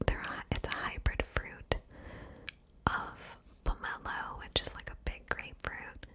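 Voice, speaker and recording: Slow whispering woman, ASMR. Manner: soft unvoiced whisper, chatty and playful. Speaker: ASMR creator. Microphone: binaural mic, left and right ear.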